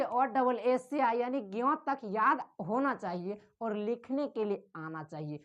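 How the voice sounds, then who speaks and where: A woman's voice: high-pitched, muffled recording. A woman teacher explains spelling step by step, calls the viewer "sir" and repeats each sound over and over. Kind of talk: slow classroom explanation, repeating drills.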